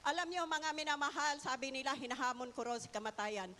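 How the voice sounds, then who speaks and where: An older woman gives a fervent testimony in a worship service, constantly calling out to the congregation, repeating "mga minamahal" and punctuating her story with hallelujahs. Her voice sits high, steady and sharp, and she talks fast, with long hall reverb on the recording.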